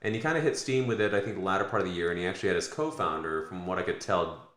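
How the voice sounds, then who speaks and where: A man's voice: sits low, rapid-fire, a bit bright, reverberant. An American man co-hosting a casual podcast, rambling and correcting himself with lots of fillers. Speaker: podcast co-host.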